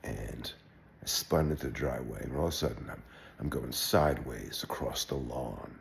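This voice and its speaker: Deep gravelly older guy telling a story, halting and wry. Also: slight background noise. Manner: relaxed, halting, wry understatement. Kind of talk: personal anecdote told aloud.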